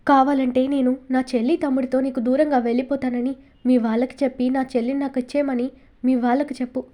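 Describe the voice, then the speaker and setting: Storybook heroine: a woman voicing a possessive, emotional young woman, heartfelt delivery, mellow tone. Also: sits high, flat delivery, quick pace, close to an everyday voice.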